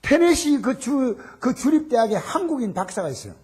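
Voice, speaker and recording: Male pastor, middle-aged; high, very lively delivery, animated storytelling from the pulpit. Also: normal speed, slightly rough. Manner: animated storytelling, acting out shouted quotes. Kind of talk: sermon with personal story. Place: church sanctuary.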